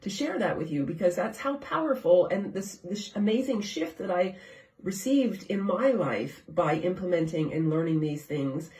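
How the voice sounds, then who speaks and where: A stuffed-up, congested woman hosts a casual nutrition live stream from her home kitchen, chatting with viewers and repeatedly asking them questions. Her middling-pitched, darkish voice is expressive and at normal speed. She sounds distant from the mic, and the room echoes noticeably.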